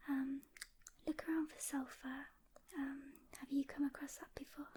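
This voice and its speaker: High-pitched and whispering, a woman performs a quiet ASMR roleplay close to the microphone. She plays a calm demon hunter who tenderly reassures a rookie, with pauses along the way.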